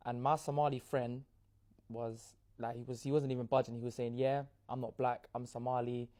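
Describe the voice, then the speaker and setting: A man gives a casual interview and tells his story in a candid, animated way. His voice sits at a middle pitch and sounds mellow. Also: normal speed.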